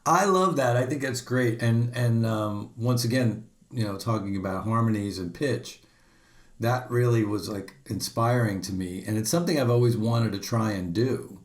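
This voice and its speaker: A man's voice: lowish voice, moderate pace. A man hosting a radio show, asking questions eagerly and filling gaps with lots of ums over a video call. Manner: enthusiastic, many fillers. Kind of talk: casual interview.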